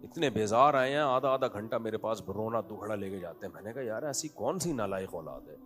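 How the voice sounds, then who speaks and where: A man's voice: lowish voice, animated, fairly bright tone, soft background music. A man giving a humorous, conversational sermon as a preacher, telling family anecdotes in a joking tone. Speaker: Islamic preacher.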